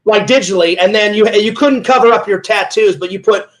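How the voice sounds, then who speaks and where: A high-pitched man talks fast and eagerly as host, rambling through a story and quoting himself again and again. The chat is loose and informal. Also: low-quality recording. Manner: excitable, rambling storyteller retelling his own words. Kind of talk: casual chat.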